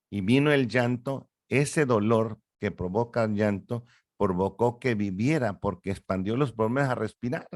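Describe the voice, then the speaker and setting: Middle-aged man, lowish voice, animated lecturing psychologist, dry close recording. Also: no echo. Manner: animated, lecturing, uses rhetorical questions. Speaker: psychologist guest. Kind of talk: explanatory interview talk.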